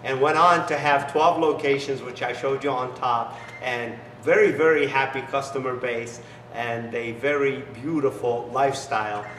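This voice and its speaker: Recorded from a few steps away on a camera mic in an echoey garage, with a little hiss or hum, this middle-aged non-native English speaker delivers a keen sales demo for the business he founded. His phrasing is broken, his intonation fairly even, his tone fairly bright, and his pace normal.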